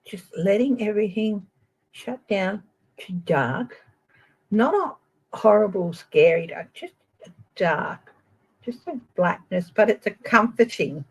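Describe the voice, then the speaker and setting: A middle-aged Australian woman giving a gentle, chatty tarot reading on a live stream and addressing viewers by name. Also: medium pitch, husky, poor audio. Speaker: tarot reader.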